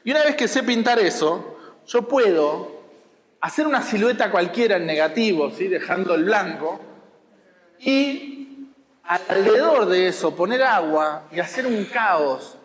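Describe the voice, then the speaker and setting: Rioplatense male art teacher, high voice, explanatory and teasing, echoey hall. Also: animated, measured pace. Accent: Rioplatense Spanish. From Argentina. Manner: explanatory, teasing, checks understanding. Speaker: watercolor teacher. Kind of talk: masterclass to students. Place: school hall.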